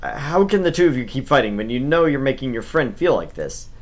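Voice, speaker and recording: A man with a mid-range voice reads a visual novel as its awkward, reluctant schoolboy narrator, narrating the story and delivering his hesitant lines. His delivery is animated, brisk and lightly acted, with an awkward, pleading mood.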